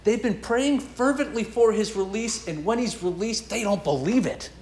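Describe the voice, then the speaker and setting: High-voiced man preaching a sermon. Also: normal speed, a little mellow, roomy sound, slight background noise. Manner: earnest, emphatic preaching with rising and falling intensity. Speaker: pastor.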